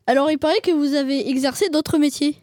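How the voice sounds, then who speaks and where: A woman's voice: sits high, steady tone, a little fast, a little mellow, no echo, studio quality. A young woman interviewing a teacher, asking eager, playful questions in a casual way.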